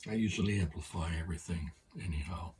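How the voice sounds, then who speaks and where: A man's voice: low-pitched, fast, a little mellow, recorded from a distance, a little hiss or hum. A man hosting a channeling session, reading questions and making dry, wry remarks. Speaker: session host asking questions. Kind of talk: casual chat.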